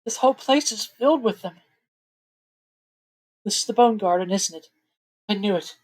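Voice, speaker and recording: A woman's voice: medium pitch, moderate pace, a little mellow, slightly rough, pitched above the performer's own voice, close to an everyday voice. A woman voicing a frightened, weary mother of young children who talks in a shaken, pleading way. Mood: fearful. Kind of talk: tabletop role-play in character.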